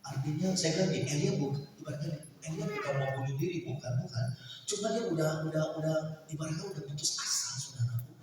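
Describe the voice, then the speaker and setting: An older man preaching a sermon as pastor, with fervent swings between soft asides and loud outbursts and many rhetorical questions. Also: a little high, fast talker, slight background noise. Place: large church hall. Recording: echoey church hall, mic at a distance.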